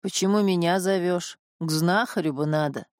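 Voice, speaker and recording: A gruff old village wise woman with a lowered, weighty voice, as a woman reader puts her on. She gives orders sternly and without fuss in a storybook reading, all close and dry. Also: normal speed, no room sound, close to an everyday voice. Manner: gruff and commanding.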